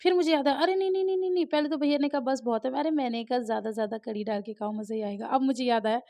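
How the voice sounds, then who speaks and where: A woman's voice: sits high, rapid-fire, mellow. A woman from India, a mother, chatting casually to viewers in a home vlog. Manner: chatty, talks straight to viewers as "guys". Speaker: family vlogger and mother. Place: at home, indoors. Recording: dull lo-fi home recording.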